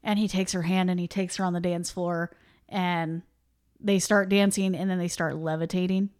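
A woman's voice: lowish voice, little pitch movement, normal speed, darkish tone. Giggly, chatty young woman podcast co-host. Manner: chatty, giggly, lots of fillers and asides. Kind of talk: casual movie-review chat.

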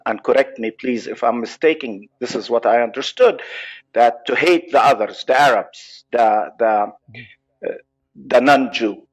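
Palestinian-accented guy on a podcast, earnest, stops and restarts a lot, muffled lo-fi audio. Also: medium pitch. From Israel. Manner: earnest, halting, many restarts. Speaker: psychologist guest. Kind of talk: podcast interview.

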